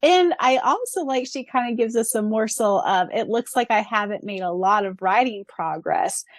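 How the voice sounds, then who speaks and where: A podcast co-host with a slightly high, expressive voice speaks at normal speed in a clean studio recording with no room sound. Bubbly and gushing, she reads fan answers aloud and eagerly slips in her own theories between them.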